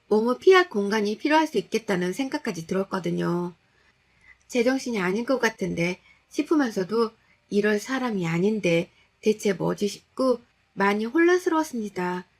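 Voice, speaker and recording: A woman telling a tense, unsettling first-person story in a confessional, retelling way. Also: medium pitch.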